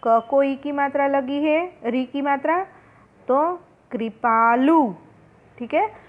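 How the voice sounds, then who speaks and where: Slow-spelling woman teacher, tinny sound. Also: sits high. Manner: slow, drawn-out pronunciation of each word for students. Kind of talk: Hindi phonics lesson. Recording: tinny phone-like recording.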